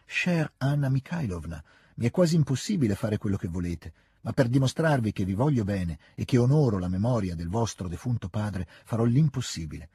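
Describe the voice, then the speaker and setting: A man's voice: fairly low pitch, expressive, mellow, husky, no room sound, clean studio sound. Courteous, guarded elderly prince, read by a man. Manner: courteous, measured. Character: polished, cautious old prince. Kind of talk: audiobook reading.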